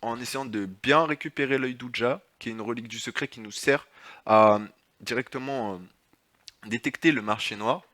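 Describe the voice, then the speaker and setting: A young man giving casual commentary over his own gameplay, talking straight to viewers, joking, and swearing and shouting at the enemies that attack him. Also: mid-range voice, moderate pace, no room sound. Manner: jokey, talks straight to viewers. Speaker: gaming YouTuber.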